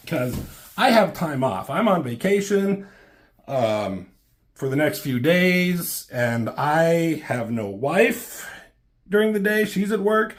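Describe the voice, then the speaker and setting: Recorded on a camera mic at home, a thirty-something man talks through comics in a mid-range voice still a little off from a recent cold. He stumbles along loosely, dropping ums and casual swear words.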